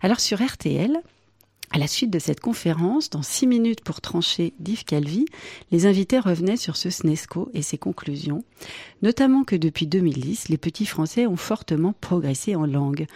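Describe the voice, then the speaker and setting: A woman's voice: on the low side, dark tone, no echo, clean studio sound. A woman presenting a radio press review, reading articles and adding wry asides. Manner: wry asides, light laughs.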